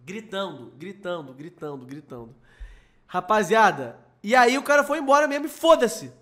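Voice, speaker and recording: Young rio dude telling a story, all hyped up, swears a lot, says the same thing twice, really high voice. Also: male voice, moderate pace. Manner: excited, swearing, slangy, repeats himself. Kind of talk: casual storytelling.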